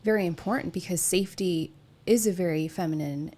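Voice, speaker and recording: A woman in a casual group discussion, speaking in a calm, steady, affirming way. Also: on the low side, brisk.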